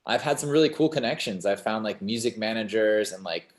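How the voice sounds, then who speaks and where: A young man's expressive, lowish voice moves a little fast as he rambles casually in an interview, where he's the singer-songwriter guest. Fillers like "like" and "you know" come up often, and there's a roomy echo.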